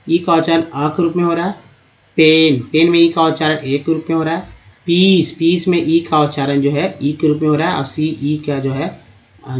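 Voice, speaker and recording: A man giving a patient pronunciation lesson, spelling words out letter by letter and repeating them slowly. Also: on the high side. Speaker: English teacher. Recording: dull lo-fi recording.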